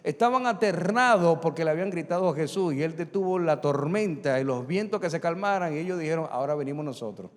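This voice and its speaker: A middle-aged male pastor preaching with a high voice that swoops up and down in wide arcs. He acts out the dialogue of the scripture in changed voices and has the congregation repeat phrases after him. The sound carries a long reverb from a large church hall. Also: expressive, quick pace, few pauses. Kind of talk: sermon.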